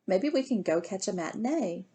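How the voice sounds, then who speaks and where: A cheerful mother who teases with an easy, joking lilt, voiced by a woman reading a novel aloud. Her pitch sits mid-range and her delivery stays everyday and unforced, like a storybook parent. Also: animated, moderate pace, mellow, slightly rough. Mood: chatty. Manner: playful, joking.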